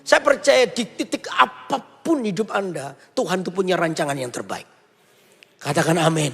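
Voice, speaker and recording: High, gravelly-voiced man preaching a sermon. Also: expressive, moderate pace, a bit bright, long reverb tail. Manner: emphatic, calls the congregation to say amen; passionate storytelling in a personal testimony.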